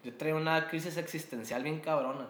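Animated Mexican man telling a story. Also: a little high, a little fast, roomy sound, slight background noise. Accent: Mexican Spanish. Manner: slangy, animated, laughs often. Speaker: guest entrepreneur. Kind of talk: casual storytelling over beers.

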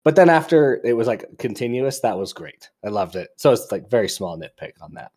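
A man co-hosting a casual book discussion podcast, retelling scenes with lively energy and acting out the characters' lines. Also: medium pitch, fairly quick. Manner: animated storyteller, acts out characters' lines. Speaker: book club podcast co-host. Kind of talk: casual chat.

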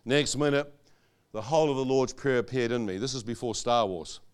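A man's voice: medium pitch, brisk, slight background noise. A man preaching a sermon testimony, telling his story and quizzing the audience with questions.

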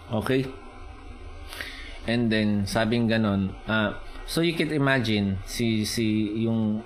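A man preaching a sermon in mixed Filipino and English, explaining slowly and often checking in with his listeners. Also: fairly low pitch. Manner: Taglish preaching, slow and explanatory, rising with emphasis.

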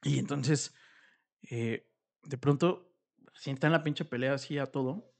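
A man with a Mexican Spanish accent casually retelling a horror story, acting out the characters' argument in slangy, animated talk. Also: mid-range voice, unhurried, gravelly. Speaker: podcast host.

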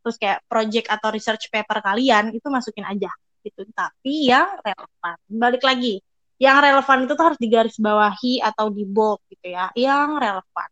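Chatty young woman, slightly high, dry sound. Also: a bit bright, no room sound, rough recording. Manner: chatty, quick, acts out little quoted thoughts. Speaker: guest giving career advice. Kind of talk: casual advice talk.

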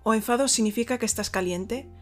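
Chatty woman in her thirties from Spain, Spain Spanish accent, hosting her own vlog over faint music. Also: quick pace. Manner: chatty, acts out quoted people in a high voice. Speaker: vlogger host. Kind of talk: casual chat to camera.

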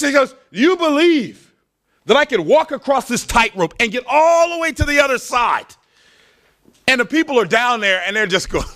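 A male pastor preaching a sermon, telling stories with animated acted-out voices. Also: fairly high pitch.

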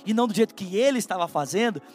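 A man's voice: high voice, lively intonation, rapid-fire, darkish tone, faint music behind. A man with a Brazilian Portuguese accent preaching a sermon, telling his own testimony in an earnest, heartfelt way and speaking straight to the listener. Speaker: pastor.

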